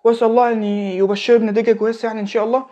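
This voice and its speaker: Fast-talking Egyptian teen guy. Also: sits high, little pitch movement, warm tone, lo-fi sound. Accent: Egyptian Arabic. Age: late teens. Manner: keeps checking in with "okay?" and repeats phrases. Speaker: religious advice speaker. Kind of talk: casual religious talk.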